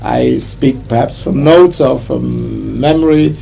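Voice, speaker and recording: Older male rabbi, non-native English. Mellow, creaky, formal and halting, reminiscing in interview. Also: mid-range voice, lo-fi sound. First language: not English. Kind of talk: reminiscing oral-history interview. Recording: noisy interview recording.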